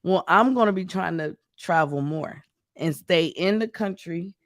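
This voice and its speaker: A young man from the Midwest, hosting a casual chat and telling stories in a chatty, excitable, animated way. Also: high-pitched, measured pace, no room sound, clean studio sound.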